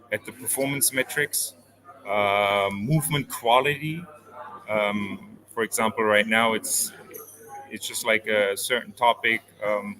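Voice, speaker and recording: A Swiss performance coach answers interview questions with careful, step-by-step explanations and frequent ums. His voice is lowish, and the recording quality is low.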